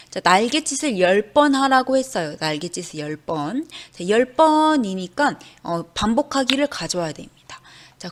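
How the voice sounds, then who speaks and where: Female teacher, a little high-pitched, patient step-by-step coding walkthrough. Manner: patient, step-by-step, starts sentences with "ja". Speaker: elementary school teacher. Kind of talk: screen-recorded coding lesson.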